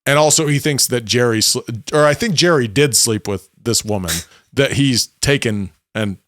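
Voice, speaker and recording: A man's voice: mid-range voice, moderate pace, a bit bright, no room sound. Male podcast co-host, chatty storyteller, average voice, dead-dry recording. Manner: rambling, enthusiastic retelling with many restarts. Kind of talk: casual chat.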